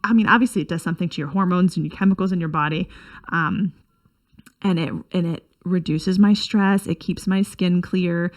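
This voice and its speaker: A woman's voice: on the low side, steady tone, moderate pace. A woman in her thirties giving personal advice in an earnest, chatty way, with many fillers and restarts. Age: 30s. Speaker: wellness vlogger.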